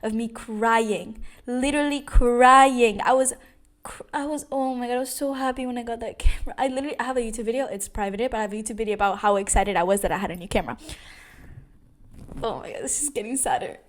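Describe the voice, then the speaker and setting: A woman's voice: on the high side, rapid-fire, a little mellow. A young adult woman telling a personal story in a casual vlog, chatty, with many fillers and restarts. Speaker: vlogger.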